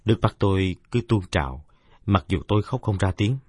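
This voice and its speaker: A male storyteller with a low, husky voice, telling the tale in a measured, reflective way. His pitch moves freely and the recording is dry and close. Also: expressive, a little mellow, dry recording. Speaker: narrator. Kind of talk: audiobook narration.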